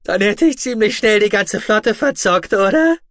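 A male reader voicing an overwhelmed alien fleet commander who talks in a shrill, faltering, panicky way. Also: lively intonation, normal speed, fairly bright tone, dry recording, studio quality. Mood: shrill laugh-talk.

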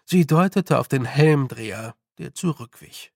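A man reading an audiobook in a measured, deliberate way. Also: mid-range voice, lively intonation, gravelly, darkish tone, no echo, studio quality. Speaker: narrator. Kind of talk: audiobook narration.

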